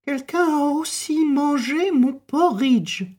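A man voicing a mother bear in a high, shrill, loud voice. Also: slow. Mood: indignant.

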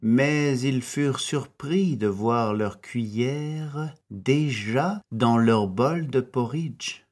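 A man reading a children's fairy tale aloud slowly and expressively. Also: mid-range voice. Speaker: narrator. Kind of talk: storybook reading. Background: soft music.

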